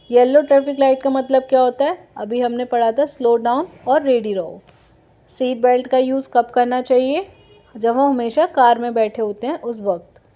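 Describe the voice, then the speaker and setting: Mellow-voiced woman teaching a class. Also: a little high. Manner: explains slowly, asks and answers her own quiz questions. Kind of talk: classroom lesson.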